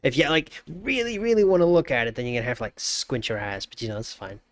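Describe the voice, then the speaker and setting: Here a man in his twenties, nose blocked, rattles along quickly at medium pitch while casually joking with his live-stream chat and warmly saying hello. He frequently trails off mumbling. The audio is dry.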